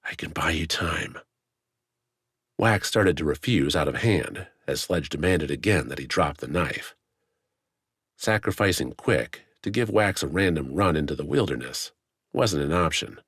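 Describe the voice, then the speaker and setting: Deep-voiced man narrating an audiobook. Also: expressive, fairly bright tone, breathy edge, no echo, studio quality. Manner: measured, dramatic storytelling. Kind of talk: scripted narration.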